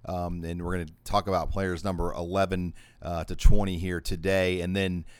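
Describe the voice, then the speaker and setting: A man's voice: low voice, little pitch movement, moderate pace. An American man hosting a sports talk show, counting down a ranked list of players in conversation.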